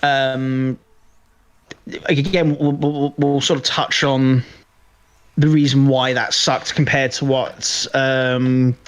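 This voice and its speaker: A man co-hosting a podcast gives opinionated, emphatic commentary in a casual film review discussion, often repeating phrases for stress. His voice is mid-range, smooth and level, and he takes his time.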